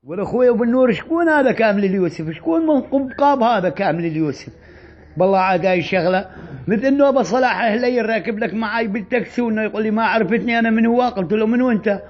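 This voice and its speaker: A man's voice: high voice, expressive, racing, muffled recording. A man with a Deir ez-Zor Syrian Arabic accent scolding and insulting someone in a comic voice message.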